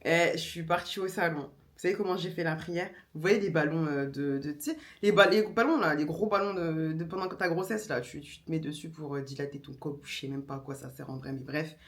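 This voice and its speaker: A young woman vlogger, telling a story in a casual, animated way and acting out the others. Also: low voice, brisk, hardly any pauses. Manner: animated, slangy, acts out voices of others.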